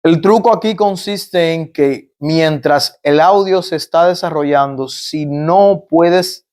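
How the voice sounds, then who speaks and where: A man's voice: fairly high pitch, slow, a little mellow. A man with a Cuban Spanish accent, a migrant doctor being interviewed, who explains step by step with examples and often restarts his phrases. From Cuba.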